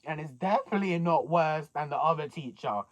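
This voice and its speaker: A young British adult with a mid-range voice talks fairly quickly as a casual video host. Reacting to confessions, they fire off slangy, incredulous rhetorical questions.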